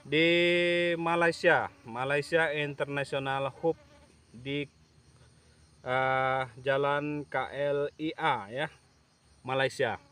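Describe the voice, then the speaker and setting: A man talking casually to camera in a vlog outdoors at a plantation, slow and halting with many fillers. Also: medium pitch, steady tone, a bit bright, clean tone. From Indonesia. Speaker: YouTube channel owner. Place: outdoors at an oil palm plantation. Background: insects and rural outdoor ambience.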